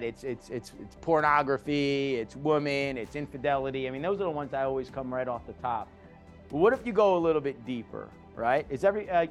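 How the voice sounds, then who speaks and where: A middle-aged man tells a personal story to a room of men in a plain, mid-range voice. He talks earnestly and conversationally and often repeats himself for emphasis. Faint music sits underneath. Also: medium pitch. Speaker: speaker at a men's group. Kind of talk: personal testimony talk.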